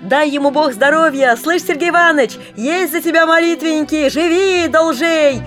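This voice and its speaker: A woman voicing a chorus of cheerful peasant bathhouse women who shout and tease in a sing-song way. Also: high-pitched, moderate pace, faint music behind, pitched above the performer's own voice. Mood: warm, loud.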